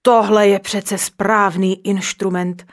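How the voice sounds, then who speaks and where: A cocky little dwarf boy from a storybook, bragging loudly and bristling at any criticism, as a woman puts him on. His voice leaps up high and goes loud when he insists he's right. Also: level tone, close to an everyday voice. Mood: boastful. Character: boastful stubborn little male dwarf. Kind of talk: storybook reading.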